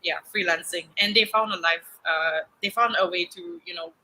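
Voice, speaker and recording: A young woman from Singapore chats as a podcast guest. Her voice is very bright and edged, pitched a little low, and she runs on with fillers, restarts and laughs. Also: normal speed, slight background noise, poor audio. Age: young adult. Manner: chatty, many fillers and restarts, laughs often. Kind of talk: casual interview.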